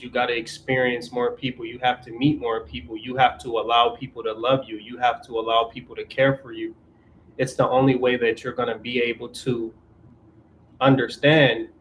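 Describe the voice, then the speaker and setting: Speaking in a mid-range voice, a man in his twenties casually reads viewer questions during a live stream Q&A and dispenses relationship advice. A camera on an auto-tracking mount captures him, with a little background noise.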